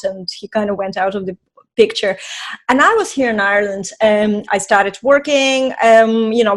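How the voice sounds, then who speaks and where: A woman from Estonia in her forties, telling her life story as a podcast guest in a chatty, animated way with many fillers. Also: mid-range voice. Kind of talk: casual storytelling in an interview.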